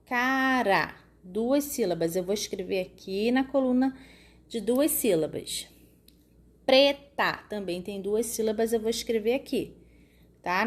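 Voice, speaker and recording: A woman teaching a lesson to young children, explaining patiently and often checking that they follow. She draws words out slowly when sounding out syllables. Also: mid-range voice. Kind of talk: recorded classroom lesson for children.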